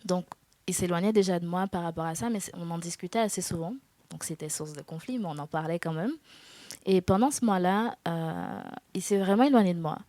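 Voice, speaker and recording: A woman in her twenties giving a personal faith testimony in an interview, earnest and hesitant, with soft laughs. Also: fairly low pitch, fairly quick, no room sound. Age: 20s. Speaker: guest.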